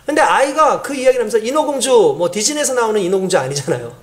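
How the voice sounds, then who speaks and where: A pastor with a high, racing voice preaches a sermon conversationally. He asks the congregation questions and, in an animated way, acts out the voices of people in his stories.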